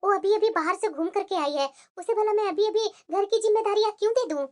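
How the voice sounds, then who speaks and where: A woman voicing a sweet high-voiced cartoon daughter-in-law. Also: fast. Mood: patient. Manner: patient, soft-spoken, placating. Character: kind, gentle elder daughter-in-law, young woman. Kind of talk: cartoon voice acting.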